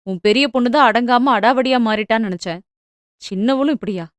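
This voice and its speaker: A woman voicing a stern, worn-out middle-aged father who speaks low and heavily in an audio novel. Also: a little fast, dry recording, clean studio sound, natural voice. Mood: stern dismay. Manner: low, heavy, muttering.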